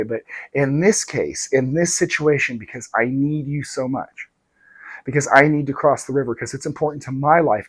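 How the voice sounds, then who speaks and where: A man voicing a scheming male scorpion in a spoken fable, begging in a husky voice. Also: medium pitch, no room sound, close to an everyday voice. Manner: begging, insistent.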